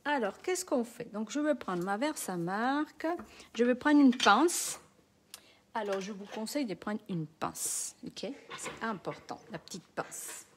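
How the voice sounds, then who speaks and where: A woman's voice: fairly high pitch, lively intonation, measured pace, slight background noise. A woman with a non-native French accent hosting a live craft tutorial, chatting with her viewers as she shows each step. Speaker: craft demonstrator.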